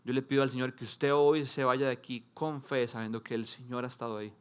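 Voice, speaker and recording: A man preaching a sermon to a congregation, speaking in short emphatic phrases with dramatic pauses and at times rising into animated storytelling. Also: mid-range voice, clean tone. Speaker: pastor. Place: church service before a congregation.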